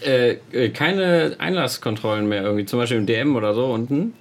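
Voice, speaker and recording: A man's voice: medium pitch, lively intonation, brisk. A man co-hosting a casual podcast outdoors, telling rambling stories full of ähs. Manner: rambling storyteller with many ähs. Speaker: podcast co-host. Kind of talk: casual chat among friends. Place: outdoors at a city table.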